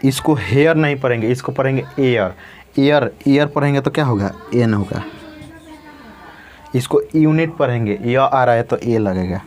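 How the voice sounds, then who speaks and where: A man's voice: medium pitch, a little mellow. A male teacher giving a grammar lesson, saying each word several times and answering his own questions as he goes. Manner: repeats words slowly, asks and answers own questions.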